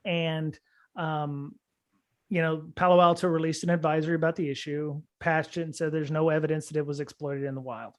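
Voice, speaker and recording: A man with a fairly high voice hosts a casual security podcast chat. He rambles, circling back with fillers and restarts as he goes. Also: little pitch movement, brisk. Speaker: podcast host.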